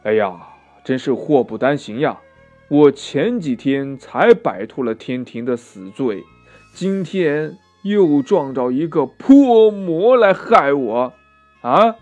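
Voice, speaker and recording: A man's voice: fairly high pitch, big pitch swings, slow pace, darkish tone, soft background music, heavily acted. A man voicing a sulky, defiant male dragon who grumbles and protests indignantly.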